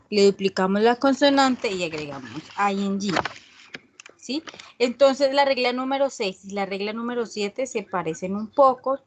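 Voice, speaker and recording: A woman teaching a class at an unhurried, deliberate pace, taking her time over each point. She explains rules patiently and keeps checking with her students. Her voice sits at an ordinary middle pitch. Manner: slow and patient, often checking with a questioning "¿sí?"; reads English examples slowly and deliberately. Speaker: English teacher.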